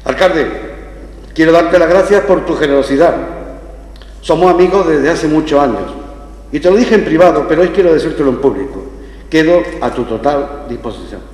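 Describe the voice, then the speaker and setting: A man's voice: a little high, normal speed, a little mellow. An older man with an Andalusian Spanish accent giving a festival address with comic anecdotes at a podium microphone. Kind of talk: public speech with comic anecdotes. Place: indoor hall at a lectern. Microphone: gooseneck podium microphones. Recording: echoey hall with long reverb.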